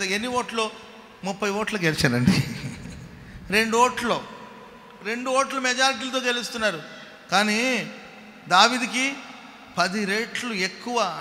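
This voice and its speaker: A man preaching a sermon as pastor, firing rhetorical questions at the congregation and calling them to clap and shout hallelujah, swinging between loud exhortation and quiet asides. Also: high-pitched, slight background noise. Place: large church hall. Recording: echoey hall with long reverb.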